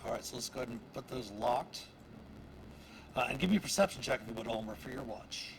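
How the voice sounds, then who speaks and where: A man narrating as dungeon master of a tabletop game, halting with many fillers. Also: mid-range voice, lively intonation. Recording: noisy stream audio.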